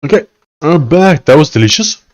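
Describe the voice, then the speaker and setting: A man's voice: fairly high pitch, sing-song, normal speed. A man with a broad Afrikaans South African accent and a blocked-nose sound, chatting casually and thinking aloud on a livestream. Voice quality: nasally blocked, mouth-breathing. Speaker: livestreamer coding while building in public.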